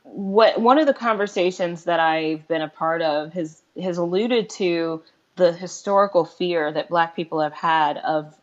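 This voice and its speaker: A woman's voice: on the low side, unhurried, lo-fi sound. A woman hosting a casual online talk show, talking things through with many restarts. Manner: animated, thinking aloud with many restarts.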